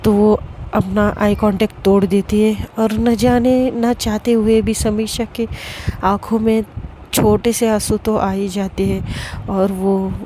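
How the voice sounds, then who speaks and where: A young woman narrating a serialized story in a slow, deliberate way, often stumbling and restarting words. Her tone is mellow and darkish. Faint background noise sits behind her voice. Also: medium pitch, flat delivery.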